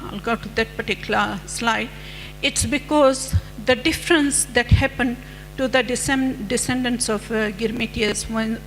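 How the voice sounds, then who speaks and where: Conference speaker: middle-aged woman, fairly high voice, measured lecturing delivery, reverberant hall with faint hum. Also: a bit bright. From Fiji. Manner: measured, lecturing with rhetorical questions. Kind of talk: conference presentation.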